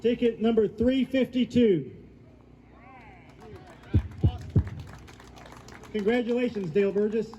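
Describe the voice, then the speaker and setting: High-pitched shouting raffle caller, a man. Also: a little fast. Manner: loud, projected announcing of a winner. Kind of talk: raffle calling to an outdoor gathering. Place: outdoor lot at an event. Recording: muffled, noisy outdoor event from a distance.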